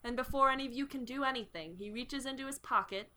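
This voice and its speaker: A woman's voice: high-pitched, fast talker, sharp tone. A woman narrating as game master in a tabletop game, descriptive and full of fillers.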